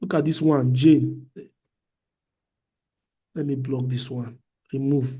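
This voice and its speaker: A man with a Nigerian accent hosting an online trading class, animated, joking and exclamatory, speaking into a computer mic on a video call. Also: mid-range voice, slow. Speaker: trading webinar host.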